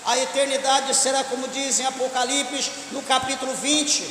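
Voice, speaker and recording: A man preaching a sermon as pastor, impassioned and often shouting. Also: very high-pitched, fairly even intonation, moderate pace. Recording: echoey church hall with hiss.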